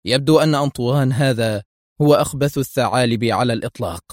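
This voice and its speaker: A man voicing a calm, wry male secret agent who speaks with firm composure. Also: medium pitch, fast talker, no room sound, clean studio sound, close to an everyday voice. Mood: cool.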